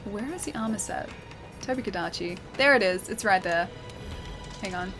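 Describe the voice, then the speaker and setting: Her mid-range voice moving at a moderate pace over background music, a Western Australian streamer with an Australian accent chats with viewers as she plays. She laughs frequently and responds to chat throughout.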